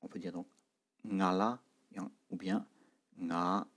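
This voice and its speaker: A man's voice: deep voice, fairly even intonation, slow, fairly bright tone. A man teaching a spoken language lesson, saying words and tones one by one, repeating them, and patiently explaining how to pronounce them.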